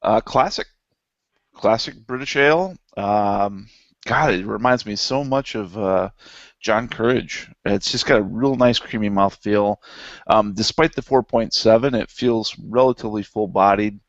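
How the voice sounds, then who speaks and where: A man co-hosting a casual beer review show, talking in a relaxed, rambling way with many fillers. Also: lowish voice, measured pace, no room sound, highs cut off. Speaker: beer review podcast co-host. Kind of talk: casual beer tasting chat.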